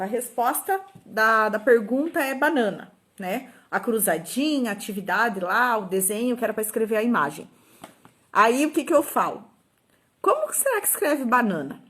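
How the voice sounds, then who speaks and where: A middle-aged woman teacher with a Brazilian Portuguese accent who explains step by step, sounding out syllables slowly and often checking in with her listeners. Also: mid-range voice, fairly bright tone. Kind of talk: informal talk on teaching children to read.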